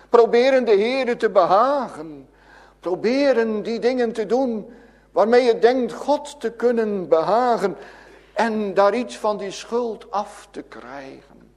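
A man preaching with fervent intensity, his voice set high for a man. He takes his time over each phrase, rising to loud pleas and then dropping to hushed, low tones. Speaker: pastor. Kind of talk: sermon.

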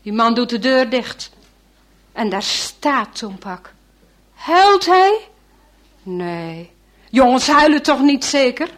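A woman's voice: high-pitched, very animated, slow, pauses often. Woman telling a dramatic whispered children's story. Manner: dramatic, swinging between loud exclamations and hushed whispers; asks the listening children questions.

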